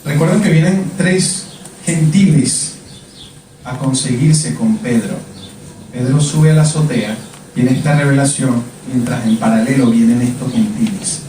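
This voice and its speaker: A man's voice: medium pitch, measured pace, dark tone, slight background noise. A male preacher delivering a sermon in a church. He speaks emphatically, repeating words and asking the congregation questions. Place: church sanctuary. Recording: echoey church from a distance.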